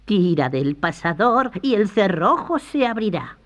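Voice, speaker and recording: Narrator doing a frail, shaky storybook grandmother, trusting and gentle. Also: medium pitch, big pitch swings, measured pace, voice pushed up. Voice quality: trembling.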